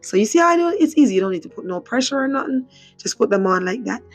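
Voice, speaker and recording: Her voice nearly gone and hoarse, a craft channel host races through a casual home craft tutorial voice-over, her fairly high voice swinging widely in pitch. She's chatty and repetitive, often saying "so" and "again," with faint music beneath her.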